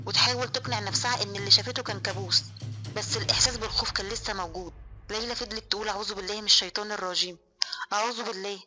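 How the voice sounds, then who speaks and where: Fast bright Egyptian woman storyteller. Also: fairly high pitch, poor audio. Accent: Egyptian Arabic. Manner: suspenseful, vivid. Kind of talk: dramatic horror narration. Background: faint music.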